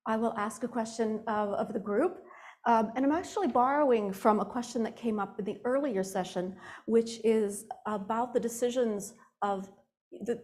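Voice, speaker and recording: Slow-paced, higher-voiced woman moderating. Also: darkish tone. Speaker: panel moderator. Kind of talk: informal event moderating.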